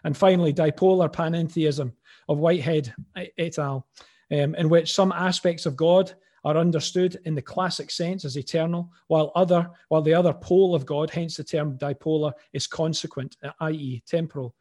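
Male, Glasgow accent, slightly raised pitch, academic presenter, lecture delivery. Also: a little mellow. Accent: Glaswegian Scottish. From Scotland. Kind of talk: reading an academic paper, with informal opening remarks.

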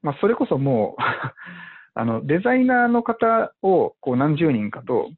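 Male investor guest, animated, husky, tinny phone-like sound. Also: fairly high pitch, measured pace. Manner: animated, many fillers, acts out quotes. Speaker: venture investor. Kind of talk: casual podcast conversation.

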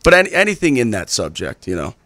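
A man's voice: mid-range voice, huge pitch swings, fast, bright, forceful tone, no echo. A man with a Maine accent chatting casually about sports, like a radio panelist.

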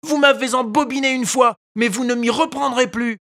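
A reader voicing a young wooden puppet boy, high and earnest, in a storybook reading. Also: normal speed, no room sound, studio quality. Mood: scornful, taunting. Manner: high, excited, earnest pleading. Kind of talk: storybook narration.

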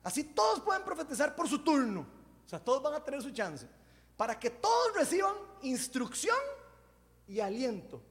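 A man preaching a sermon in a lively, joking, conversational way. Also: very high voice, normal speed, in a large hall. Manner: animated, jokey, conversational preaching.

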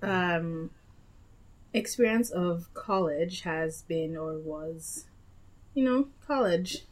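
Chatty young Nigerian woman, lowish voice. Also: slow pace, a little hiss or hum. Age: young adult. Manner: chatty, meandering, with frequent self-corrections. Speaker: guest. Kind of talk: casual chat.

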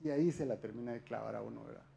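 A man's voice: mid-range voice, racing, vocal fry, warm tone, highs cut off. A man giving a conversational sermon talk, speaking directly to his listeners with frequent rhetorical questions. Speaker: church speaker.

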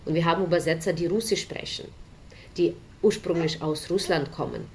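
A woman's voice: on the low side, steady tone, fairly quick, slight background noise. A woman from Ukraine with a Ukrainian accent, speaking German as a second language with many fillers, interviewed from her home office as a volunteer interpreter. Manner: hesitant, many fillers, non-native grammar. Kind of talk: casual interview talk.

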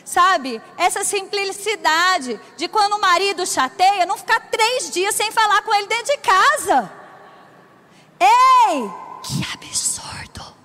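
A Brazilian woman with a very high, light voice, preaching with warmth and emphasis. She keeps drawing her listeners in with call-and-response. Her words ring out in a long hall reverb. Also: lively intonation, normal speed, few pauses. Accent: Brazilian Portuguese. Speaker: preacher at a women's gathering. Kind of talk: sermon.

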